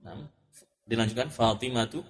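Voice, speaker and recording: A man's voice: medium pitch, normal speed. Patient male language teacher. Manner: patient, repeats and corrects student answers. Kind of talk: classroom drill lesson.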